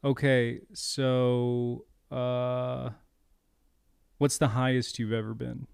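A man co-hosting a podcast, chatting casually and making wry, deadpan jokes. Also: medium pitch, very slow, gravelly, smooth, no room sound, studio quality. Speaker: podcast co-host. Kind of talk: casual comedic chat.

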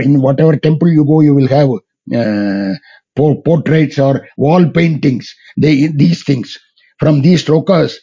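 A man's voice: fairly high pitch, mellow, husky. South Indian-accented man teaching scripture, muffled recording. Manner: halting, repetitive, rhetorical questions to listeners. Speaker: religious teacher. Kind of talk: scripture discourse, chanting Sanskrit verses and explaining them. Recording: muffled, lo-fi sound.

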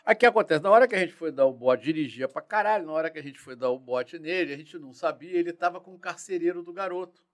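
A man, a former police chief telling war stories in a slangy, profane, animated way. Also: on the high side, fast talker, hardly any pauses. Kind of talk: casual storytelling interview.

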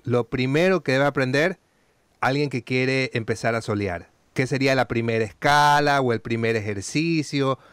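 A man, hosting a casual interview in a relaxed, slangy way and asking friendly questions. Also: mid-range voice, clean tone, no room sound. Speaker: host.

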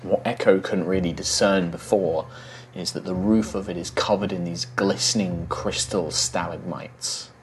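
A man working as game master, giving measured, atmospheric descriptive narration for a tabletop game. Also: deep voice, steady tone, slight background noise.

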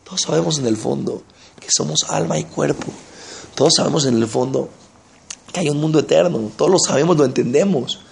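A man giving an animated sermon, telling stories and asking the audience rhetorical questions. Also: fairly high pitch, brisk, vocal fry, a little hiss or hum. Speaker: religious teacher.

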